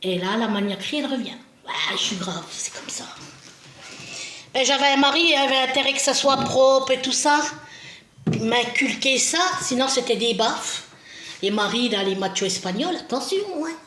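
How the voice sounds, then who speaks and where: A fairly high-voiced woman talks casually at home while she arranges her decor. She is chatty and self-mocking and laughs easily. Her voice carries through a roomy, echoey room to a camera a little distance away, with faint noise behind it. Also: normal speed, fairly bright tone. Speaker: home vlogger. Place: indoors at home.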